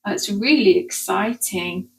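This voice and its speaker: A woman's voice: mid-range voice, unhurried, vocal fry, poor audio. A woman with an Essex accent who drops her T's into glottal stops, giving a casual, rambling intuitive card reading to viewers and often checking in as she goes. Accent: Essex English. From Essex, England. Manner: chatty, rambling, frequent checking "okay?". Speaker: spiritual card reader.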